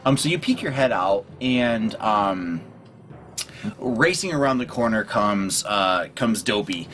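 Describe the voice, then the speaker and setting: A man running a tabletop game as game master, narrating in a halting way full of ums and restarts. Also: on the low side, expressive, fairly bright tone, a little hiss or hum.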